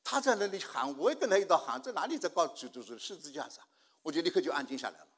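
An older man preaching a sermon, telling a personal testimony and swinging from hushed prayer to loud outbursts. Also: fairly high pitch, big pitch swings, fast talker, breathy edge. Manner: storytelling, swinging from hushed to shouting.

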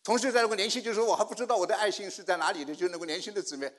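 Older male preacher, quick storytelling sermon voice, a bit high, drops to a hush then rises to a shout. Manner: storytelling, swinging from hushed to shouting. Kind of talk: sermon testimony.

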